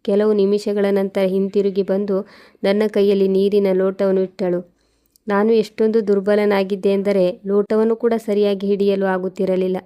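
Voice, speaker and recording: Brief: female storyteller, mellow voice with a smooth, clear tone, steady scripted narration. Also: medium pitch.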